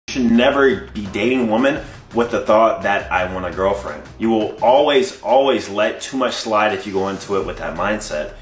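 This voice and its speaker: A man with a low voice lays out dating advice in a direct, instructive way. He sounds like he is in an echoey room, with soft music underneath. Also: expressive, normal speed.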